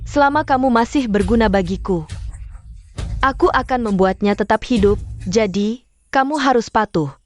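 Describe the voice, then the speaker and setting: A woman's voice: a little high, moderate pace, long pauses, no echo, soft background music, lightly acted. A woman playing a ruthless rich mother. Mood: menacing. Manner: harsh, threatening. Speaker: Mrs. Fang. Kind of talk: dubbed short-drama acting.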